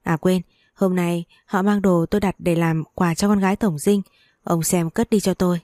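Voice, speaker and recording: A woman's voice: fairly low pitch, fairly even intonation, normal speed, mellow, dry recording, clean studio sound, close to an everyday voice. A woman reading the part of a haughty rich mistress who speaks coldly and dismissively.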